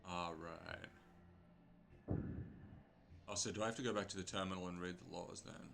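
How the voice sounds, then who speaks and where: A man's voice: deep voice, steady tone, normal speed, vocal fry, fairly bright tone. A man with an Australian accent chatting casually on a game stream, easygoing and joking as he plays.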